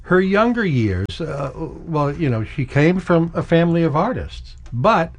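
A man's voice: a little high, sing-song, a little slow. A middle-aged man hosting a conversational interview, asking questions and introducing clips. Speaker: interview host.

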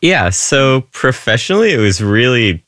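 A man's voice: mid-range voice, big pitch swings, normal speed, a bit bright, no room sound, clean studio sound. A man from Rhode Island, an illustrator, answering interview questions candidly with small laughs. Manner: candid, laughs between points. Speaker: illustrator guest.

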